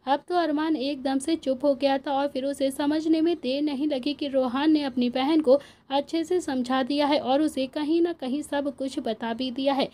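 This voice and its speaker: Woman narrating an emotional story, high voice, acts out the dialogue. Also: steady tone, moderate pace, hardly any pauses, mellow. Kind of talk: reading a serialized family romance story.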